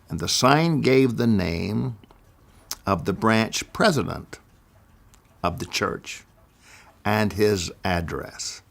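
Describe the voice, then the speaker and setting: An older man from Idaho telling a personal testimony, with a deliberate, measured delivery and careful pauses. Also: lowish voice, gravelly. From Idaho, USA. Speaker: speaker giving a personal testimony. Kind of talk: slow first-person storytelling.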